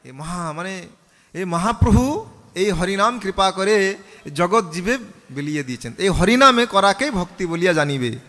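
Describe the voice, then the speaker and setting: The monk's voice is high, animated, pushed and bright as he delivers a scripture sermon at normal speed in a big-sounding room. He questions the audience and chants the mantra with them in call and response.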